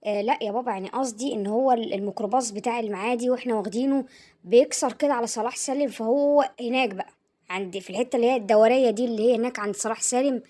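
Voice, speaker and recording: A woman's voice: on the high side, racing, mellow, lightly acted. A woman playing a cheeky, scheming schoolboy son with an Egyptian accent who rambles through excuses. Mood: flustered. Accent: Egyptian Arabic. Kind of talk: comedy sketch acting.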